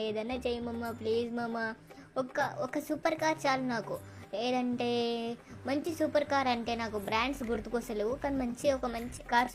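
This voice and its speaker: A woman's voice: fairly high pitch, a little mellow, natural voice. A woman voicing a whiny, pleading little boy in a game dub. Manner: whining, begging, sulky.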